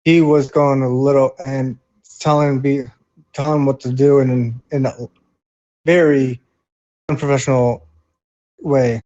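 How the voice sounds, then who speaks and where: Man, mid-pitched, halting and hesitant, dull lo-fi mic. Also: little pitch movement, dark tone. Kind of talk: in-character roleplay voice chat.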